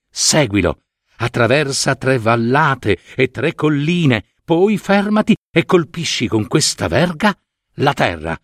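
A man's voice: mid-range voice, no echo, studio quality. A man voicing a wise, kindly old grandmother who speaks solemnly in a storybook reading. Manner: solemn, giving instructions.

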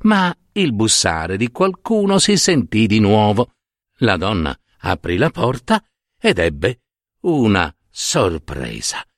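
Male storyteller, fairy-tale narration, slow and unhurried, lively lilting pitch, dry close sound. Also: no echo. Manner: gentle, expressive storytelling.

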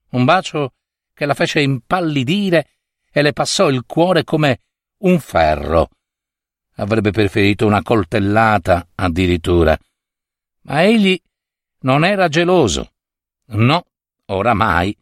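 A man reading a literary short story aloud in an expressive, dramatic narrating style on a close mic. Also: medium pitch, dry recording. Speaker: audiobook reader.

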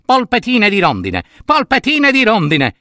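A man's voice: high-pitched, wildly swooping pitch, unhurried, bright, forceful tone, no echo, clean studio sound, pitched above the performer's own voice, full character voice. A man voicing a spoiled, rude young prince who whines and orders people around in a fairy tale. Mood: whining. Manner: whiny, demanding, rude.

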